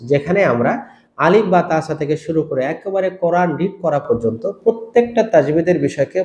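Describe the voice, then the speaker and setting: A man teaching Quran letters step by step, patiently repeating each sound in a slow, drawn-out way. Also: on the high side, darkish tone, echoey room. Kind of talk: step-by-step recitation lesson.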